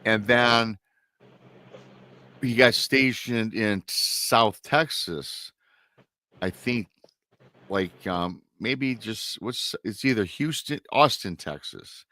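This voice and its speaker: Slow, lowish and bright, this middle-aged Michigan native speaks forcefully and pauses often. He hosts a casual talk show in his Michigan American accent, rambling along and repeating himself.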